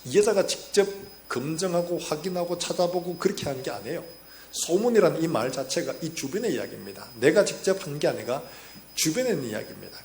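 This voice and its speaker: A pastor preaches in a reverberant church hall, and a faint hum sits under the sound. His voice is slightly high for a man, with a gravelly edge. He tells stories and acts out the quotes. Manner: storytelling with acted-out quotes, rising and falling loudness. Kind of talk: sermon. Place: church sanctuary.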